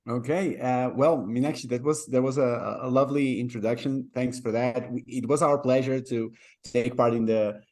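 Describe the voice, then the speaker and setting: A man's voice: mid-range voice, steady tone, moderate pace, darkish tone. Man, friendly and stumbling. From Portugal. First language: Portuguese. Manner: friendly, repeats words as he searches for phrasing. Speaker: startup co-founder guest. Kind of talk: interview on a video call. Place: home room by a large window. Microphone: webcam on a video call.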